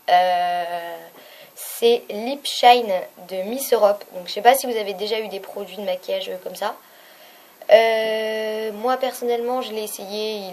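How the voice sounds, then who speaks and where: A woman's voice: mid-range voice, darkish tone. A young woman chatting casually as a beauty vlogger, hesitant and full of fillers while she reviews makeup.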